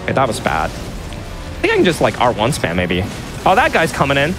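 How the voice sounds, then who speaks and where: With game sounds and music in the background, this live speedrunner keeps up a casual, self-mocking stream of jokes and exaggerations. His mid-range voice swings hugely in pitch at a normal speed.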